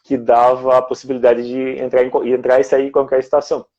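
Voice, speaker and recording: A man's voice: mid-range voice, flat delivery, fast, a little mellow, lo-fi sound. A man from Brazil in casual conversation as a guest, explaining things step by step in a reflective way.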